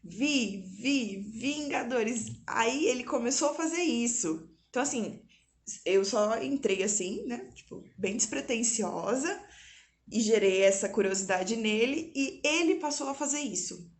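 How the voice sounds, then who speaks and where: A woman's voice: a little high, expressive, normal speed. Chatty woman in a home vlog. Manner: chatty, frequent tag questions. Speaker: mother and vlogger. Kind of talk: casual explanatory vlog. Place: at home indoors.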